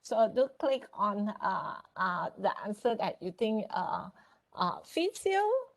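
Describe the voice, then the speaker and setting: A woman moderating a webinar over a video call. Her pitch stays in the middle, and she speaks in brisk, courteous turns as she thanks one speaker and invites the next. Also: very animated, creaky. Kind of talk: moderating an online panel.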